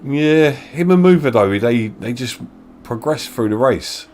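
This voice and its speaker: A man giving casual live commentary on an online sim race, chatty and quick to laugh. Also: mid-range voice, expressive, a little mellow, slight background noise. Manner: chatty, laughs often, jokey asides.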